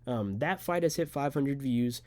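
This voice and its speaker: A man's voice: mid-range voice, lively intonation, unhurried, darkish tone, dry recording. A young man, an amateur fighter, talking straight to camera in an unedited, rambling monologue full of filler words. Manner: rambling, earnest, filler-heavy.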